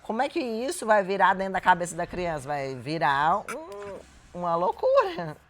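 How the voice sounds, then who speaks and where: A Brazilian woman with a fairly low voice talks in an earnest, explanatory way as a co-host. Her intonation is very lively, rising and falling through each sentence. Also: normal speed. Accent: Brazilian Portuguese. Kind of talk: reflective advice talk.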